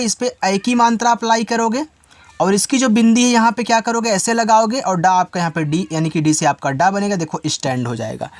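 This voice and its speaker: A man's voice: sits high, no echo. A man teaching English spelling and reading, patiently repeating each point and asking his students questions.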